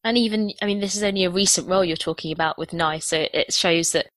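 A woman's voice: lowish voice, quick pace, fairly bright tone, no room sound. A woman hosting a podcast interview, asking supportive questions in a conversational way. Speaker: podcast host.

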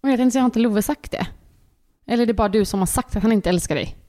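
A woman's voice: fairly high pitch, dark tone. A young adult woman, co-hosting a casual podcast and speaking bluntly, with casual swearing. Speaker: podcast co-host. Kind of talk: casual chat.

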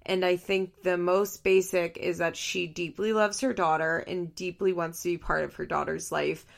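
Podcast host, female, Valley Girl accent, gravelly fry, chatty and amused. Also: lowish voice, fairly even intonation, normal speed. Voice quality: vocal fry. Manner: chatty, frequent "like" fillers, swearing, amused. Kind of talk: casual reality-TV recap monologue.

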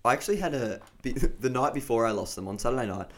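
A man's voice: mid-range voice, quick pace. A man co-hosting a casual podcast, laughing often as he tells stories. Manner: laughs often, relaxed storytelling. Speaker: podcast co-host. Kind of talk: casual chat.

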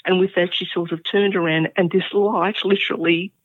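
Guest: woman, earnest and halting storyteller; tinny phone-line audio, dry. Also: fairly low pitch, fairly even intonation, slightly rough, no room sound. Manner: earnest, halting, many fillers. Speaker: interview guest. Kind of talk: telling a personal story.

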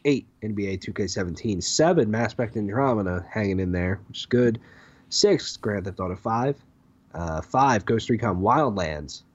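Brief: male podcast co-host, husky and fairly low, muffled lo-fi mic, stumbles over names. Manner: reads lists with stumbles and laughs. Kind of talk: casual gaming podcast chat.

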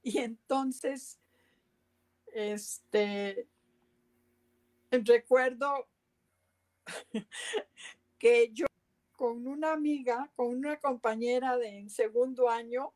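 A woman chats as a guest on a talk show. She talks slowly and thoughtfully, in a slightly raised voice. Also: a little high, a little mellow. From Costa Rica. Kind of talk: casual chat.

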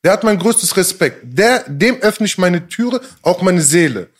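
A man's voice: high-pitched, sing-song, a little slow. A man, a rapper guest in a casual interview, who talks emphatically in street slang, repeats himself and keeps checking in with his listener.

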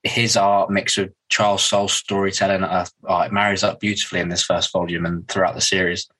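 A man's voice: deep voice, little pitch movement, a little fast, sharp tone, slightly rough, poor audio. A man co-hosting a podcast, casually retelling comic scenes with filler words. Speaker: podcast co-host.

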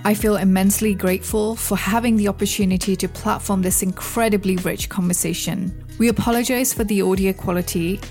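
A woman reads out a podcast introduction in a smooth, polished way. Soft music plays quietly behind her. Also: medium pitch. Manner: polished, read-aloud delivery. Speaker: podcast host.

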